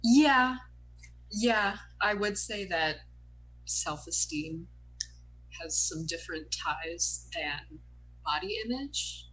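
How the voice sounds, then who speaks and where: A nineteen-year-old woman interviewed over a video call, thoughtful and quick to rush through her points. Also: fairly low pitch, animated, fairly bright tone, a little hiss or hum, poor audio. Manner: thoughtful, speeding up mid-sentence.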